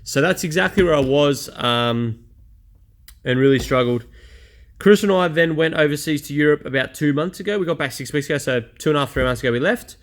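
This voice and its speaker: A man in his 30s with a slightly high voice talks briskly in a personal vlog. He recounts his own experience bluntly and casually, keeping things chatty and poking fun at himself throughout the candid monologue.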